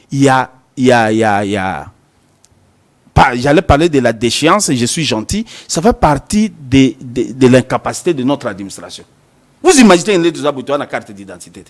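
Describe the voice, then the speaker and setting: A man, a lawyer from Congo with a Congolese French accent, arguing politics on a talk show and switching between French and Lingala with many restarts. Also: medium pitch. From Democratic Republic of the Congo.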